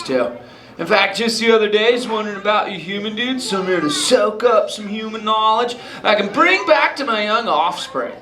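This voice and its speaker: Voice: mid-range voice, close to an everyday voice. A performer voicing a laid-back surfer-dude male sea turtle who chats with a live audience in drawling surfer slang, playful and teasing. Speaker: live show character talking with audience. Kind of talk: improvised live audience interaction. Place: indoor theater with live audience. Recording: echoey theater with loud crowd noise.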